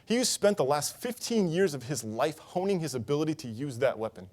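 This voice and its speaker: Fast-talking young man giving a talk. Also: a little high, very animated, a little mellow. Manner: earnest personal storytelling. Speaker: conference speaker. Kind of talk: conference talk. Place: conference stage.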